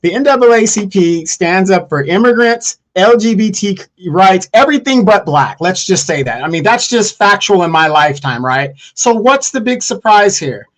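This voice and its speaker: A man's voice: high-pitched, animated, normal speed, few pauses, fairly bright tone. A man co-hosting a casual political commentary show, blunt and teasing, with matter-of-fact delivery.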